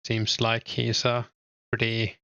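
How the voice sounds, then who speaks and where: Slow and creaky yet clear and resonant, a mid-range male voice belongs to a young Finnish-accented streamer reading his chat aloud while gaming. He talks casually, relaxed but hesitant with plenty of fillers, and the muffled recording has no room sound.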